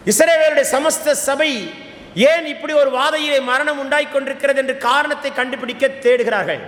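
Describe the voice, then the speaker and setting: High, bright-voiced exhorting preacher man. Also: moderate pace. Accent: Tamil Nadu. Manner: exhorting, commands congregation to repeat. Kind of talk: Tamil Pentecostal sermon. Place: large church hall. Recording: echoey hall with long reverb.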